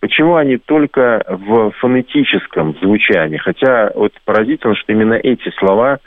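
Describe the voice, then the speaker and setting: A man from Belarus, a radio guest who explains patiently and slowly spells out sounds as examples. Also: on the low side, expressive, no room sound. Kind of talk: radio conversation. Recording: tinny phone-like line.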